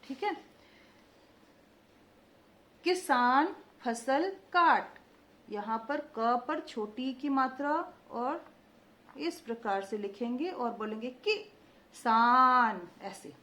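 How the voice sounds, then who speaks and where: In this children's Hindi phonics lesson, a young woman's voice sits on the high side, sounding pushed and bright against an echoey room. The lo-fi recording is slightly dull, and she draws out every word to stress vowel length, asking call-and-response questions and often saying "ठीक है".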